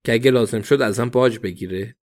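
A dry police detective presses with pointed questions, as a male narrator reads him. The voice stays at an ordinary middle pitch. It is read plainly, like a storybook. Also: darkish tone, natural voice. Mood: probing.

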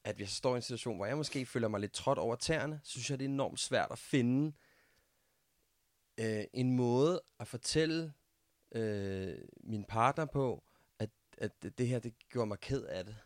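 A man's voice: medium pitch, dry recording, clean studio sound. Hesitant man hosting a podcast. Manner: hesitant, searching for words with many fillers. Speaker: podcast host. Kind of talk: conversational interview.

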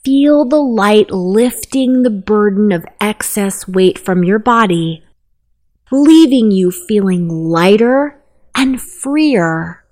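A woman narrating a guided meditation, giving gentle, unhurried instructions. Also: medium pitch, animated.

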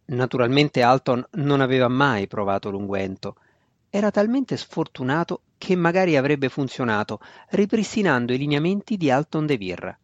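A man's voice: medium pitch, big pitch swings, moderate pace, no echo. Man reading a story aloud, dry. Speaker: audiobook narrator. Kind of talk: scripted narration. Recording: dry, dull lo-fi recording.

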